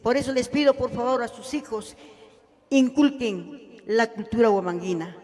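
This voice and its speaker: A woman's voice: fairly high pitch, normal speed, a little mellow. A woman folk singer with an Ayacucho Peruvian accent, singing and speaking earnestly to the audience at a live cultural event. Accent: Ayacucho Peruvian Spanish. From Ayacucho, Peru. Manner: earnest, heartfelt address to the audience. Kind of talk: live huayno singing and stage talk. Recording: long echoing reverb, faint music.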